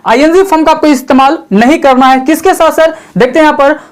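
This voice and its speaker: A man's voice: very high voice, steady tone, fast. A man giving a spoken grammar lesson, asking himself questions and answering them, repeating each point and addressing the viewer as "sir" in a chatty tone. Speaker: English grammar teacher.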